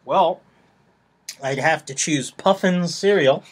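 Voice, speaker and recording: A man's voice: on the high side, slow pace, breathy edge. A man co-hosting a comedy podcast who rambles goofily through gory jokes and laughs easily. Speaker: podcast co-host. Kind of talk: casual comedy podcast banter.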